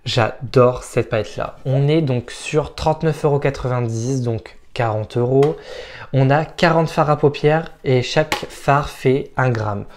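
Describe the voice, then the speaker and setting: A man's voice: mid-range voice, unhurried. Frank, hesitant man reviewing makeup. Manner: frank and opinionated, with frequent hesitant fillers. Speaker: makeup vlogger. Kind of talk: casual product review.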